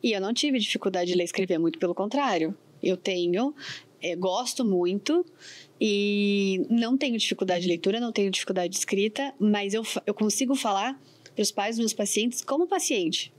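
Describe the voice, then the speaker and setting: A woman talking as a podcast guest, chatty and telling her own stories in a lively way. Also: mid-range voice, brisk. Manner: chatty, animated storytelling. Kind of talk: casual podcast conversation.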